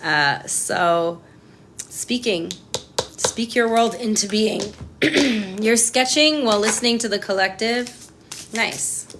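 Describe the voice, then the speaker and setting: A young woman tarot reader reads cards and chats casually with her live viewers, passionate and ranting as she goes. Her voice is a little high and slow, with background noise.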